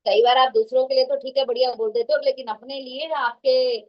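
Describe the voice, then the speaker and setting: A woman's voice: sits high, fairly even intonation, brisk. A woman giving an emphatic motivational talk, repeating her phrases and mixing in English. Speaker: motivational speaker. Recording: dull lo-fi sound.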